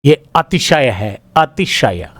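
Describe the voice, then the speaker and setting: A man's voice: medium pitch, sing-song, slow pace, a bit bright, husky, no echo. A male teacher working through an exam answer key, reading each word aloud and repeating it as he checks whether it is right or wrong. He talks informally and calls the listeners "brother".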